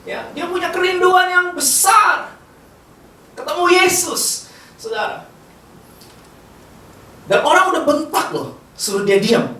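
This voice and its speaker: Lively preacher in an echoey hall. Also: very high-pitched, takes it slowly, pauses often. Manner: lively call-and-response with the congregation; playful, teasing, laughs often. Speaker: pastor. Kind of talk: sermon. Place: large hall with a congregation. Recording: roomy hall, distant mic, faint noise.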